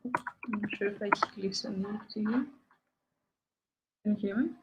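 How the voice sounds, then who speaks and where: A woman's voice: medium pitch, steady tone, unhurried, muffled recording, heavy background noise. A woman from Greece, a guest on a video-call interview, speaking carefully and searching for words. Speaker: guest, architect. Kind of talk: casual conversational interview.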